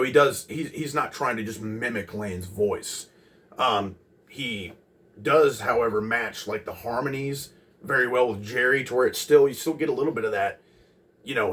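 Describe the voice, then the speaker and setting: A man's voice: on the low side, a bit bright, far from the mic. Rambling young man recalling a concert. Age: 20s. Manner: rambling, lots of ums and restarts. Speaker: music channel host. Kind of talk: casual concert recollection.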